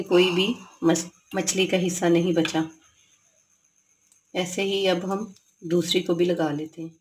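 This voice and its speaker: A woman speaks in a low, steady voice as she guides viewers through a home recipe step by step. She explains things calmly and plainly, without hurry. Faint kitchen sounds and sizzling oil sit behind her. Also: a little hiss or hum. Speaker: cooking channel host. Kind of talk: home cooking instructions.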